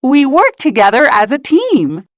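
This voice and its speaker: A plucky girl-mouse superheroine from a children's storybook, acted out by a woman. She is spirited and emphatic, her pitch leaping about in short, lively phrases. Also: unhurried, no echo, heavily acted. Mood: excited.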